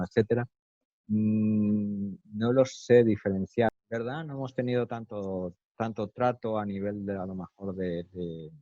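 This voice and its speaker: A man from Spain with a neutral Castilian accent answers interview questions in an unhurried, thoughtful way, pausing on fillers and restarting his sentences. His voice is low and mellow. The sound is dull and lo-fi, with no room echo. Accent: neutral Castilian Spanish. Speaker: interview guest. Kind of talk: relaxed conversational interview.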